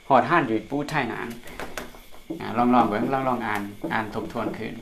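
Lao-accented male teacher, gravelly voice, drills syllables over and over, recorded lesson. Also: mid-range voice, very noisy. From Laos. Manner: drills syllables slowly by repetition. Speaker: Chinese language teacher.

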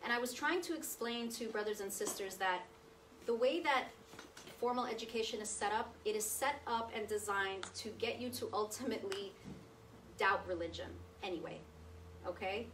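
A guest speaker, a woman in her thirties, delivers a chatty personal testimony from her seat at a table in a meeting room with a projector screen, checking in with listeners often. Her voice is medium-pitched and a bit bright, at a moderate pace. Captured by a far camera across the room, the audio is distant and roomy with a little hiss or hum.

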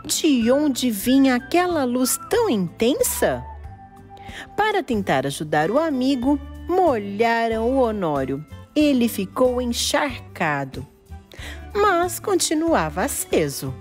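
A woman reads a children's story in a high, animated voice that rises and falls freely. She tells it slowly and playfully, with plenty of expression, over soft background music. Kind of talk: reading a children's story aloud.

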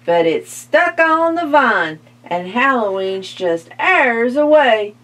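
A woman doing a bossy storybook witch who drags out her words in a slow, bouncing sing-song. The lines rise and fall a lot, each phrase stretched wide. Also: a little high, lively intonation, a bit bright. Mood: singsong. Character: boastful old witch, bossy.

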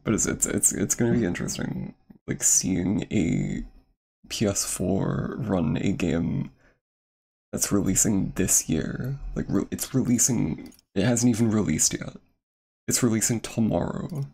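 A man's voice: fairly low pitch, a little slow, gravelly, mellow, husky. A young man streaming a game, chatting casually in a rambling way full of fillers and restarts, a little out of breath. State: slightly out of breath. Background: game music.

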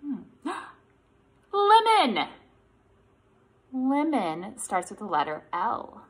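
A fairly high-pitched American woman in her thirties draws out her words as she leads a children's storytime, with slight background noise. Her delivery is animated, encouraging and exaggerated for young kids, full of questions, as she runs a preschool lesson and reads a picture book aloud.

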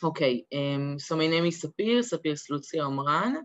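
Israeli activist in her twenties, halting, dry muffled call audio. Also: deep voice, animated, dry recording. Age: 20s. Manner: hesitant, many fillers. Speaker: guest activist. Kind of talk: video call interview.

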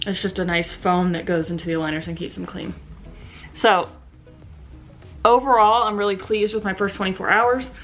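A young woman talks casually to a camera propped up in her bedroom. She is chatty and fills her talk with ums and likes. A slight lisp softens her S and SH sounds. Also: medium pitch, fairly even intonation, moderate pace, pauses often, faint music behind. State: slight lisp from new aligners. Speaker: vlogger. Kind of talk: casual vlog talking to camera. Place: bedroom at home. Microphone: camera set down in front of her.

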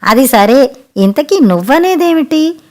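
A woman's voice: medium pitch, normal speed, darkish tone, natural voice. A woman reading a story aloud, voicing a middle-aged uncle who protests firmly and with annoyance. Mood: protesting. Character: middle-aged uncle, firm but reasonable.

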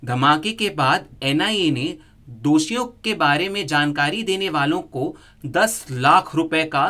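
A man reading a scripted news report as a voice-over, in a steady, measured way. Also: a little high.

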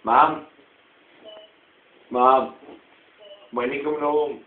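Slurring drunk young man, very slow. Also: mid-range voice, fairly even intonation. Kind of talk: casual rambling talk and calling out. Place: indoor room, lying on the carpet. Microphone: someone else's phone camera nearby. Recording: echoey, tinny, noisy phone video.

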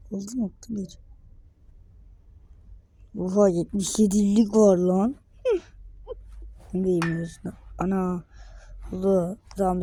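A woman talks through a football management game at an unhurried pace. Her voice has a soft, mellow tone. She mumbles quietly and then bursts into loud, slangy exclamations. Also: lowish voice, a little hiss or hum. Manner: excitable, slangy outbursts between quiet mutters. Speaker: gaming video creator. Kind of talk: gameplay commentary.

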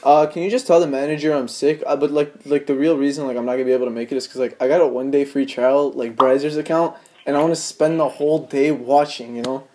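A man's voice: mid-range voice, fairly even intonation, fast talker, few pauses, dark tone. A man in his twenties making a casual prank phone call, chummy and rambling with lots of fillers. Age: 20s. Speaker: prank caller. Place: small room indoors.

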